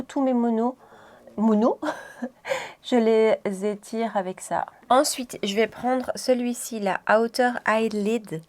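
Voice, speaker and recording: A woman's voice: mid-range voice, darkish tone. A woman chatting casually through a makeup tutorial, rambling and often correcting herself mid-sentence. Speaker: beauty vlogger.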